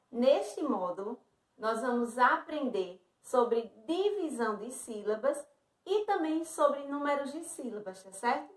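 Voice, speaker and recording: A Brazilian woman gives a lesson to small children, speaking in a slow, sing-song, encouraging way. Her voice sits high. The sound is roomy and a little distant from the mic. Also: fairly bright tone. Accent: Brazilian Portuguese. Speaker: teacher. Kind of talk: online lesson for young children. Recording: roomy echo, a bit off-mic.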